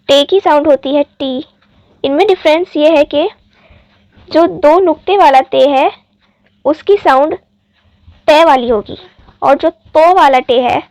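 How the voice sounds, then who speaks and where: Woman teacher going thru the alphabet letter by letter, high voice, super slow, dry close sound. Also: darkish tone, dry recording, lo-fi sound. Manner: spells out letters one by one, patient and deliberate. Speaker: Urdu teacher.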